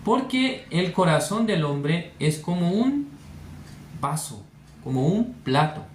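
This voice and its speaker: A man preaching a sermon, often turning to his listeners with rhetorical questions. His voice sits high and swings widely in pitch. It echoes around a roomy space with a faint hiss. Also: slow pace. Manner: animated, asks the audience rhetorical questions.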